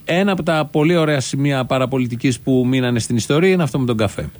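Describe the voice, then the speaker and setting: A man's voice: mid-range voice, a little mellow. A man hosting a satirical show, giving scornful political commentary full of rhetorical questions.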